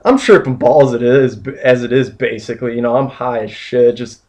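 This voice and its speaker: A man's voice: medium pitch, fairly even intonation, moderate pace, a little mellow, dull audio. Rambling young man telling a story. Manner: rambling, full of "you know" and "like". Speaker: vlogger. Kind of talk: casual storytelling.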